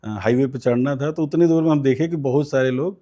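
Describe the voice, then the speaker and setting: Mellow-voiced man from recounting. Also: medium pitch, brisk. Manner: recounts events at length with many fillers and quoted voices. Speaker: student politician guest. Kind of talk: conversational storytelling interview.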